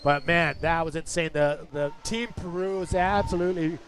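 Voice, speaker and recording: A man co-hosting an excited live surf broadcast, casual and exclamatory in his delivery. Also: fairly high pitch, normal speed, slight background noise. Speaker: live sports commentator and broadcast host.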